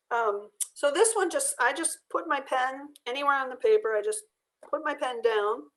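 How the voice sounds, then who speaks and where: Chatty woman teaching a drawing class online. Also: a little high. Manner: relaxed, chatty, explains step by step. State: losing her voice. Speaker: art workshop instructor. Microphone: video call.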